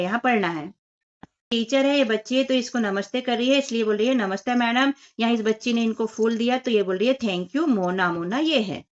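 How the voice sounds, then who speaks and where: Female teacher, patient step-by-step children's lesson, slightly high voice, muffled recording. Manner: patient, explains step by step, addresses children as 'बच्चों' and 'बेटा'. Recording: dull lo-fi voice recording.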